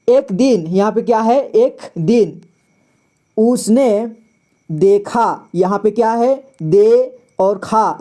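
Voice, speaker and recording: A man teaching a reading lesson step by step, patiently sounding out words slowly and repeating them syllable by syllable. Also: high voice, mellow.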